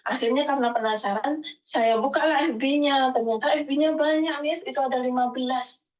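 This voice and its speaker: A woman from Indonesia, a migrant domestic worker, tells her own story with feeling. She acts out the dialogue lively and keeps calling her listener Miss. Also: sits high, moderate pace, lo-fi sound. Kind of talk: emotional first-person storytelling.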